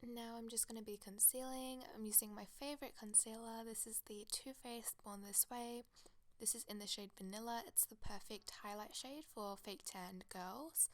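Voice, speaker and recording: A young makeup artist with a cold chats enthusiastically over a makeup tutorial, recommending products in a lively, talkative way. Her voice is fairly high and a bit crackly, with fairly even intonation and a moderate pace.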